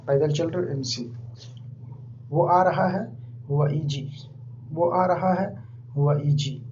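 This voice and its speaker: Man, casual vocabulary lesson, slow repetitive drilling, fairly high voice, dull recording with faint hum. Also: a little mellow. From India. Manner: repeats each word several times, slow and deliberate. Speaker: language teacher. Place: living abroad in Saudi Arabia.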